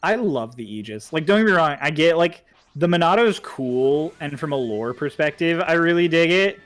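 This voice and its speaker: A man's voice: on the high side, animated, moderate pace, fairly bright tone, no room sound. A man co-streaming a game, chatting in an easygoing, teasing way and laughing often. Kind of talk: casual gameplay chat. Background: faint game music.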